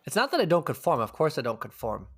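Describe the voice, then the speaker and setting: His voice sits on the high side and swoops wildly in pitch; he talks fast with a slightly rough edge. He's a man being interviewed in a reflective conversation, thinking things through in a searching way and swearing casually now and then.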